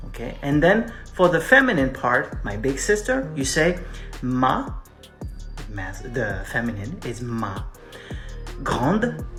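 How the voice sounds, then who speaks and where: A man teaching pronunciation, repeating each word slowly with chatty asides. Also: mid-range voice, fairly bright tone. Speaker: French teacher. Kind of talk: pronunciation lesson.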